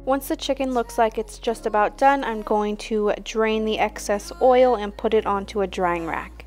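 A young woman hosting a cooking channel, explaining each recipe step in a relaxed, casual voice-over. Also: fairly high pitch, moderate pace, faint music behind.

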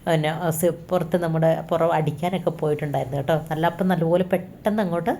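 A woman's voice: sits low, steady tone, fast talker, creaky, dark tone, a little hiss or hum. A woman from Kerala with a Malayali accent, chatting casually through a home beauty vlog and often checking in with her viewers. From Kerala, India. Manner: chatty, often ends lines with a tag asking the viewer. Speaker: beauty vlogger. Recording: echoey room.

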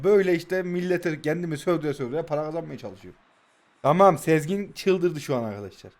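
A man, giving playful, taunting commentary over a mobile football game and bursting into excited play-by-play. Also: on the high side, brisk. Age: 20s. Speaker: mobile football gaming YouTuber. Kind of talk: live gameplay commentary, teasing opponent.

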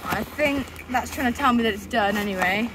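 In a rough recording with slight background noise, a young woman vlogs from a lakeside mountainside where she's wild camping, talking casually into her handheld selfie camera. Her voice is a little high and a bit bright, her delivery brisk, and she laughs often.

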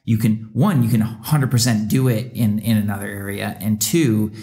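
A man's voice: fairly low pitch, fairly even intonation, moderate pace, mellow. A young adult man co-hosting a podcast, reflective and rambling, with many restarts and fillers. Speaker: podcast co-host. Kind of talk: reflective casual chat.

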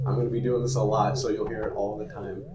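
A man's voice: lowish voice, flat delivery, fast talker, music in the background. Joking male gamer in a roomy echo. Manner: joking, teasing, riffs on characters. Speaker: co-op player. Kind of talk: casual gaming banter.

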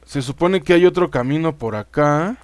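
Chatty Mexican gamer, slightly high voice. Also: male voice, moderate pace, dry recording. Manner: chatty, swears freely, talks straight to viewers. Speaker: gaming YouTuber. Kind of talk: casual let's-play commentary.

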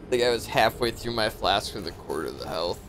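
Man, gameplay streamer, casual commentary, swearing, self-mocking, animated pitch. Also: quick pace, a little hiss or hum. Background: game music.

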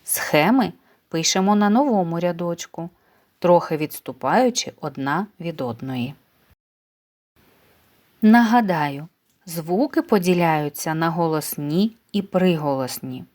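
Woman teacher for young pupils: low-ish voice, very slow and deliberate, patient and gentle. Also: animated. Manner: patient, careful, uses diminutives for children. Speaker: primary school teacher. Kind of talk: slow, clear dictation lesson for first graders.

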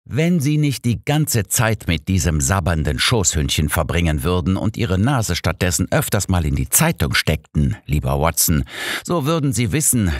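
A man reading an audiobook voices a sharp, know-it-all older detective who lectures smugly in a low, lively voice, his tone superior and a little needling. The recording is dry and close, with no room sound.

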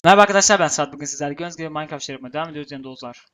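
A man's voice: a little high, rapid-fire, fairly bright tone, clean tone. A man hosting a casual game video in a chatty way, with frequent fillers between thoughts. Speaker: gaming channel host. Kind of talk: casual let's-play chat.

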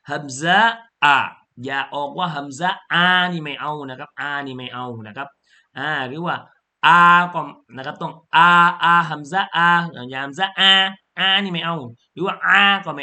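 A man teaching Quran reading in a lesson, spelling out syllables slowly, correcting pronunciation and chanting the verse in a melodic tone. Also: on the high side, sharp tone.

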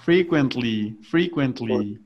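A man's voice: mid-range voice, lively intonation. Man teaching English over a dull call line. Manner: switches between slow English examples and quick Spanish explanations. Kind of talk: online class.

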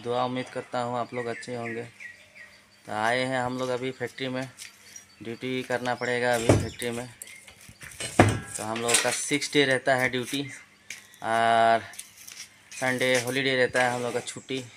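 A man in his thirties with an Indian accent, a vlogger and factory worker, chats casually to camera, informally addressing viewers as friends. His medium-pitched voice is flat, at normal speed with long pauses, recorded on a phone held at arm's length amid noisy factory ambience in tea factory halls and the yard.

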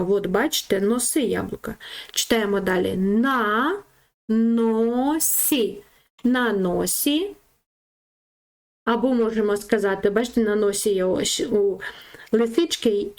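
A woman's voice: mid-range voice, a little mellow. A woman teaching a children's reading lesson, sounding out syllables one by one and praising her pupils. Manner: slow, syllable-by-syllable, encouraging.

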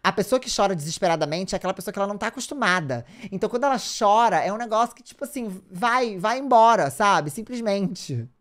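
A Brazilian host reacting casually and animatedly on a live stream, answering the chat. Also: male voice, sits high, expressive, fast, few pauses, fairly bright tone.

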